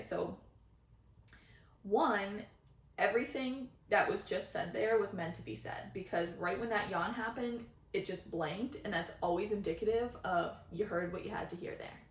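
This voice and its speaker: A woman's voice: medium pitch, echoey room. Earnest woman podcasting on a phone. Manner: earnest, meandering, frequent "right?". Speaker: podcast host and channeler. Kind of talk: spiritual podcast talk.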